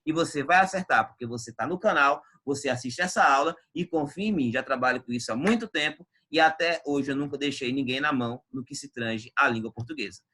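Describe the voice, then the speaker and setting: A man's voice: mid-range voice, fairly quick, hardly any pauses, sharp tone, husky. A male Portuguese teacher, giving an emphatic, chatty exam-prep video lesson.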